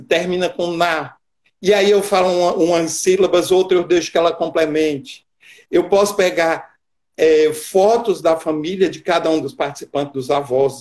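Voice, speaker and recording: A man with a Brazilian Portuguese accent, a guest expert on child literacy, explaining patiently in a live stream chat with frequent pauses. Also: high voice, darkish tone.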